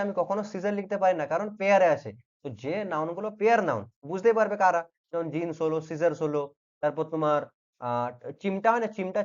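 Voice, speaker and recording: A man's voice: high voice, darkish tone, dull audio. A man teaching grammar in an online lesson, patiently repeating each point and checking that the students follow. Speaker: exam-prep English teacher.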